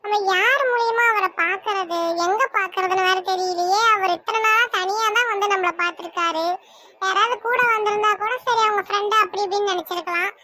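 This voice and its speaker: A woman's voice: very high voice, fairly even intonation, a little fast, pushed and bright, no echo, studio quality. A woman with a Tirunelveli Tamil accent voicing a shy young woman in a cartoon, musing to herself about a suitor. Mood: wistful. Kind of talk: cartoon voice acting.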